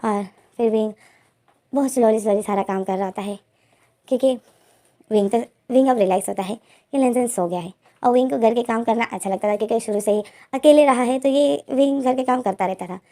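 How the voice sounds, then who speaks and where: A woman's voice: on the high side, fairly quick, mellow. Woman casually retelling a fan story. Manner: retells the story plainly, voicing both men's lines in her own voice.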